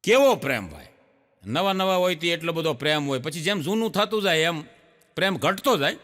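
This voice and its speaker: A man's voice: on the high side, fairly quick, in a large hall. A man telling jokes in a stand-up routine, acting out the old women and wives in his stories. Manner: animated storyteller voicing old women and wives. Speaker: comedian.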